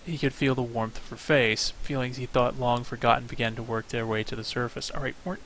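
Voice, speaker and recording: A man's voice: medium pitch, fairly even intonation, fairly quick, a bit bright, slight background noise, poor audio. A man streaming, reading a game's story aloud with wry asides. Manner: wry asides between narration. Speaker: streamer reading a visual novel. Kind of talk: reading aloud with casual commentary.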